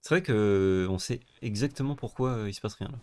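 A young man co-hosting a card game stream, chatting quickly and thinking aloud about his plays. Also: lowish voice, darkish tone. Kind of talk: casual gaming chat.

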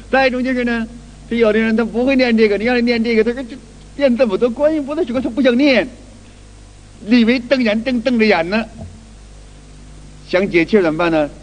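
High-voiced man teaching in a reverberant hall. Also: lively intonation, fairly quick, long pauses. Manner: acts out little everyday scenes; repeats and restarts phrases. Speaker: qigong teacher. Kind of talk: spoken lecture.

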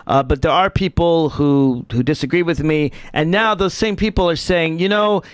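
A man's voice: on the high side, normal speed, smooth, no echo. A man in his forties hosting a talk radio show from a small studio, speaking earnestly and emphatically into a close microphone. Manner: earnest, emphatic, repeats words when starting. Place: small home studio by a window. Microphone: studio mic with headphones.

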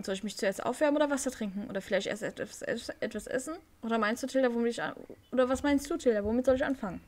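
A woman's voice: fairly high pitch, voice pushed up, lightly acted. Woman reading nervous young rider Ricky. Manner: reads game text aloud with small slips.

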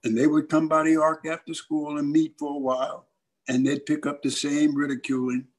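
An older male evangelist preaching a storytelling sermon with dramatic flair. His voice sits high for a man and has a husky, breathy edge. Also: completely flat delivery, moderate pace. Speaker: evangelist pastor.

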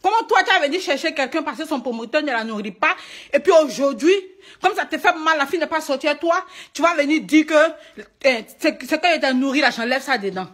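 A woman's voice: high-pitched, expressive, brisk, fairly bright tone. An upset woman speaking live in a video, tearful and repeating herself as she pleads her case. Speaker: singer and stage performer. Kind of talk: emotional live video rant. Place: indoors in a private home.

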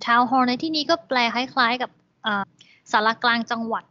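A woman's voice: fairly high pitch, fairly even intonation, moderate pace, pushed and bright. A woman teaching English vocabulary, patiently explaining each word's meaning with polite endings. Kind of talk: slow classroom explanation. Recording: dull lo-fi recording.

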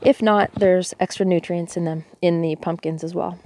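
Speaking at a moderate pace in a fairly low voice, this woman from Canada, in her forties, runs a homesteading vlog. She holds her phone while outdoors near a snow-covered hen house, chatting through her chores as a casual how-to, relaxed and thinking out loud.

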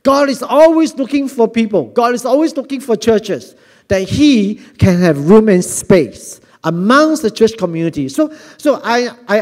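Singaporean guy preaching on stage, high voice, long echo in a big church hall. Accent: Singaporean English. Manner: earnest, animated, repeats words. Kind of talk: sermon. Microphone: handheld mic.

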